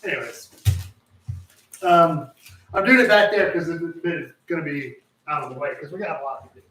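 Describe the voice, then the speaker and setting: A rambling man hosts a live cooking show from his kitchen, and his voice comes across bright and somewhat pitched up. He keeps correcting himself and cracking jokes as he cooks. The sound is roomy and echoey, since he stands back from the mic. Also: moderate pace, distant mic, a little hiss or hum. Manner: rambling, self-correcting, joking. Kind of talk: casual live cooking chat. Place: home kitchen.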